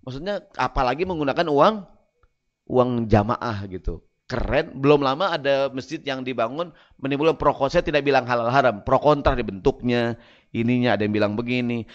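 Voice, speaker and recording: A man's voice: medium pitch, a little fast. Joking preacher man, dull recording. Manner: lively, joking, asks the crowd questions. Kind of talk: sermon.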